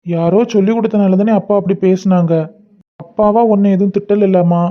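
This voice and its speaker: A performer with a Kanyakumari Tamil accent voicing a gentle young man in a cartoon, speaking softly in a coaxing, pleading way. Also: mid-range voice, fairly even intonation, fairly quick, dull audio, natural voice. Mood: soothing. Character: gentle young man, apologetic husband and caring brother. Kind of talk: cartoon voice acting.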